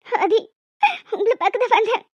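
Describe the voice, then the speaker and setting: A woman voicing an emotional young wife in a cartoon story, high and childlike, breaking into sobs. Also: normal speed, darkish tone, no echo. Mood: tearful joy. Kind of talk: cartoon voice acting. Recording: dull lo-fi audio with faint music.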